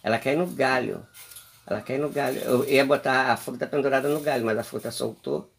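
A man from Brazil with a gravelly, husky voice. He chats on a handheld phone video, coaxing his pets in a sing-song way and turning aside now and then to his viewers. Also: mid-range voice, fairly quick. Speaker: vlogger. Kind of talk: casual home video chat.

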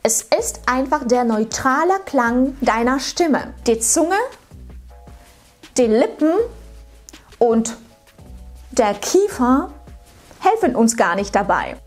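Slow, deliberate woman pronunciation coach. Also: on the high side, expressive. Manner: clear, deliberate, models words for repetition. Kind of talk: scripted pronunciation lesson. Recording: soft music behind.

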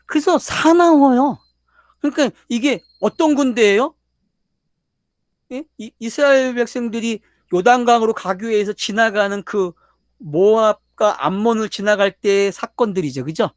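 A man's voice: sits high, measured pace, no echo, studio quality. An older man preaching a Bible lecture, constantly questioning his listeners and pressing his points emphatically. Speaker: pastor. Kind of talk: sermon lecture.

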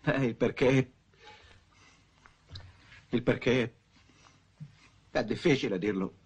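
An actor playing a sly, bumbling male burglar, middle-aged, who mutters and hushes to himself as he works. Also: medium pitch, slow, husky. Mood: evasive. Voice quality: mutters and hushes in a loud whisper. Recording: loud hiss from an old film soundtrack.

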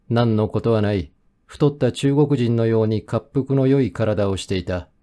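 A male audiobook narrator tells a first-person mystery in a steady, measured way. His voice is warm and dark, sitting at an ordinary middle pitch. The reading is calm and even, made for listening at night.

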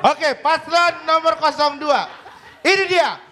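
A man's voice: extremely high pitch, takes it slowly, crowd noise, noisy background. A man hosting a comedy stage show, teasing and joking as he calls people up.

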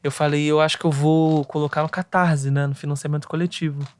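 A man, a guest author telling stories in a relaxed, slangy podcast chat. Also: a little high, a little fast. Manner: relaxed storytelling, slang-heavy. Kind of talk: casual podcast conversation.

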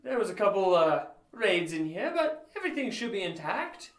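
A man's voice: sits high, very animated, moderate pace, distant mic. A man voicing an obliging young woman who works at an inn in a tabletop game, speaking hesitantly. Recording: roomy, echoing tabletop recording.

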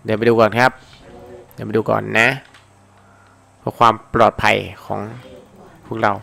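A man giving excited, casual commentary over his own gameplay, exclaiming often and swearing when the action heats up. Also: fairly low pitch, moderate pace, vocal fry.

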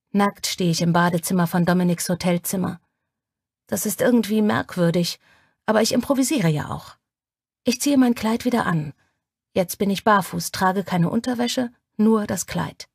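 A woman reading an audiobook in first person, with measured, intimate storytelling. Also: medium pitch, breathy edge, no echo, studio quality. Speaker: audiobook narrator. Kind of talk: scripted first-person narration.

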